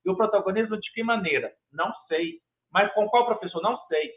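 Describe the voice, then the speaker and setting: A man's voice: high voice, fairly quick. A man with a Brazilian Portuguese accent, a master's candidate answering examiners at his project defense, talking in a rambling, hesitant way with many restarts, heard over a video call. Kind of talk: academic thesis defense answer. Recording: tinny video-call audio.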